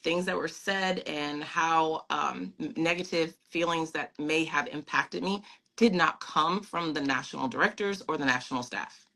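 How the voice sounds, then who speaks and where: Low, bright-voiced woman telling her story. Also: normal speed, rough recording. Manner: earnest, emphatic, reflective. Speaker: pageant titleholder guest. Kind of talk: storytelling in an interview. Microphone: video call.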